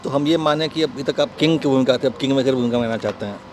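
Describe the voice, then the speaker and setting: Man asking brisk interview questions. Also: mid-range voice, a little mellow, soft background music. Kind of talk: news interview.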